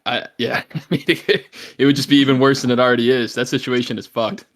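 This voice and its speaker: A man co-hosting a casual sports podcast talks loosely, joking and swearing freely. His voice sits at an ordinary middle pitch. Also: fairly even intonation, fast talker. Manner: joking, profane. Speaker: podcast co-host.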